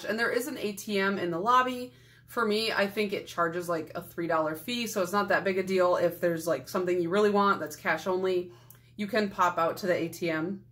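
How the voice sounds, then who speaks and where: A woman's voice: medium pitch, fairly bright tone. A young adult woman chatting casually in a haul vlog, tired and losing her voice, chatty and self-deprecating with frequent laughs. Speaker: nail polish YouTuber.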